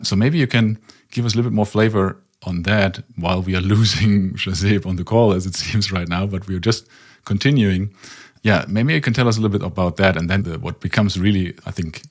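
A man's voice: low voice, brisk. A man hosting a leadership podcast who talks in a chatty way, often restarting his sentences. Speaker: podcast host. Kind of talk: casual interview.

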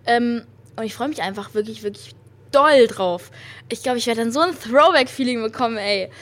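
A young German woman hosting a podcast in casual slang sprinkled with English, gushing with giddy, girlish excitement. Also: a little high, a little fast. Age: young adult. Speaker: podcast host. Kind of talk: casual chatty pop-music podcast with youth slang and English phrases. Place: hotel lobby. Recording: clearly noisy room ambience.

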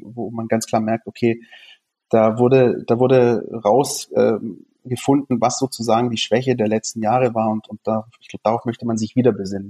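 A man's voice: medium pitch, dark tone, husky. A man chatting about football as a podcast co-host, eager and conversational. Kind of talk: casual discussion.

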